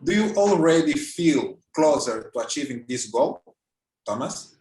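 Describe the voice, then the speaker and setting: A man's voice: on the high side, expressive, measured pace, a little mellow. A man interviewing guests, hesitant with fillers as he asks his questions. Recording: roomy echoey audio.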